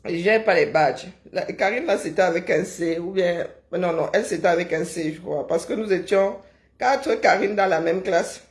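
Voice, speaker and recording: A woman's voice: lowish voice, moderate pace. A middle-aged woman, chatting casually on a live stream and answering viewers in a teasing, sarcastic way, often tagging her sentences with "hein?". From Kribi, Cameroon.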